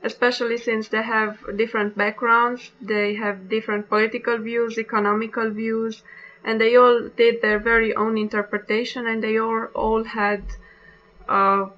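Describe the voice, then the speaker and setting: A young woman speaks reflectively to her webcam and often restarts her phrases. Her pitch sits a little high but stays very even. The sound is slightly dull. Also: normal speed. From Austria. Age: young adult. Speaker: course participant. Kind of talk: self-recorded video statement. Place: room at home.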